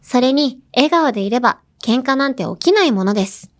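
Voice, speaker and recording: A woman reading the lines of a polite, composed young woman gently lecturing a little girl, formal and gentle. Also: high-pitched, lively intonation, fairly quick.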